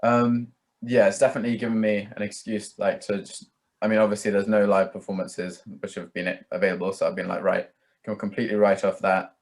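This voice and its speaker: A young man with a fairly low voice and little pitch variation speaks briskly as a guest in a relaxed interview. A musician by trade, he meanders and hedges, sprinkling "like" and "kind of" throughout.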